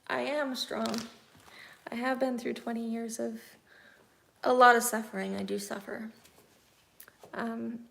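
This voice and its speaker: Viewer comments get read out and answered by this easygoing livestream host in her thirties. She has a fairly high pitch with vocal fry.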